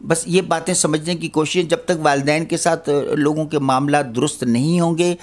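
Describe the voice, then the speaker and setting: A man's voice: a little high, fairly even intonation. Earnest older man lecturing on faith. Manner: earnest, admonishing, rhetorical questions. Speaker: religious lecturer. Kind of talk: Islamic lecture on parenting.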